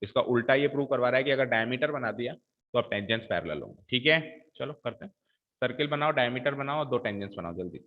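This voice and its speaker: A man's voice: mid-range voice, fast talker. A male maths teacher walks his students through a geometry solution one step at a time. He keeps checking that they are following him as he goes. The recording is thin and tinny, like a phone line. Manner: talks students through each step, coaxing with "ठीक है". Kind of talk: blackboard maths lesson.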